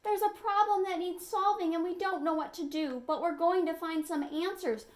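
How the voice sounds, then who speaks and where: A woman's voice: extremely high pitch, moderate pace, pitched above the performer's own voice. A woman voicing an earnest male fish from a picture book, rallying others in singsong rhyme.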